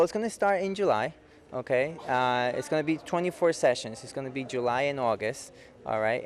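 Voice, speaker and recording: A man in his forties from Peru, a youth futsal coach in a local cable TV interview, who explains simply and keeps checking in with "okay?". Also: mid-range voice. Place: indoor futsal facility.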